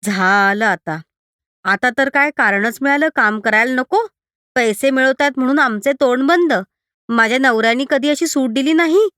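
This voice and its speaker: A woman reading a story voices a sharp-tongued older mother-in-law who mutters and scolds nonstop in a high, grumbling pitch. The recording is close, dry and smooth, with no room sound.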